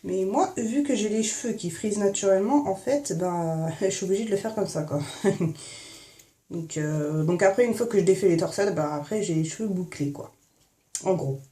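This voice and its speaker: A young beauty vlogger chats her way through a hair and makeup tutorial in her bathroom, her warm, medium-pitched voice moving at a normal speed. She's recorded on a phone headset mic and fills her talk with fillers, especially "en fait".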